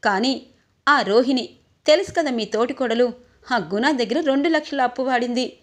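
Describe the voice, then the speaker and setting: A woman voicing a defiant young man, a greedy younger brother who talks back quickly and cockily. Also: fairly high pitch, close to an everyday voice. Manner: quick, cocky, talking back.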